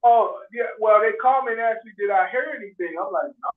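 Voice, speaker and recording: A man on a crackly phone line that keeps fading in and out rambles through a community update, full of fillers and restarts. His voice sits a touch high for a man and sounds tinny and far from the mic. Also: fast talker. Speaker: community member reporting to a meeting. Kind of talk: casual call-in chat.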